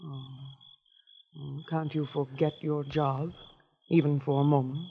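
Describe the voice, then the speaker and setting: An actress playing a nervous young nurse, stammering and evasive, in 1940s radio style. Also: female voice, sits low, flat delivery, a little slow, slight background noise. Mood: flustered. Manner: flustered, stammering, breathy. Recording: muffled old radio broadcast.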